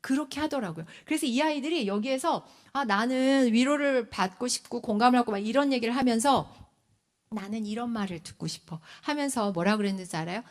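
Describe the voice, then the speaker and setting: A woman's voice: a little high, brisk. A woman in her forties giving a lecture on parenting at a church, acting out what children and parents say. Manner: animated, acts out children's and parents' lines.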